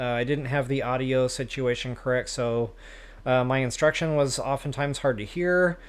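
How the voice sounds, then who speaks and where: A man with a medium-pitched, clean voice hosts a gaming livestream. He chats casually with his viewers and pokes fun at himself along the way.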